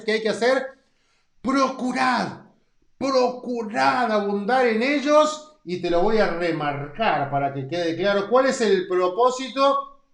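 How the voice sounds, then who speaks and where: A man in his thirties with a Rioplatense Spanish accent leads a Bible study, animated and emphatic. His voice sits fairly high and often rises for emphasis. The room gives his words a noticeable echo. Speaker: Bible teacher.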